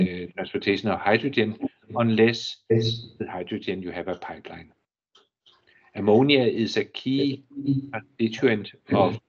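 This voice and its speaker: An older man from Denmark with a Danish accent, giving a technical lecture in a measured, halting way, often restarting and repeating words. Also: lowish voice, breathy edge, dull audio. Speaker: guest lecturer. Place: university lecture room.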